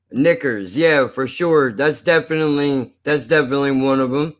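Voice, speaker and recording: A man's voice: mid-range voice, unhurried. American man with loose, toothless-sounding speech. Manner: blunt, profane, self-deprecating. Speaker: streamer. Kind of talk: casual rambling live-stream chat.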